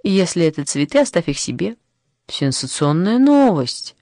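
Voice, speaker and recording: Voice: mid-range voice, very animated, moderate pace, darkish tone, no echo. A reader giving voice to a flirtatious woman journalist in an audiobook, cheeky and always bargaining. Her mid-range voice comes through dry and close. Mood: teasing.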